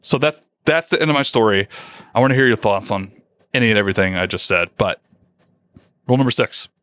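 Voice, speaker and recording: A man's voice: on the low side, a little fast, fairly bright tone, no echo, studio quality. A man co-hosting a podcast in a casual chat, telling a candid personal story with self-deprecating humor. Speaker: podcast co-host.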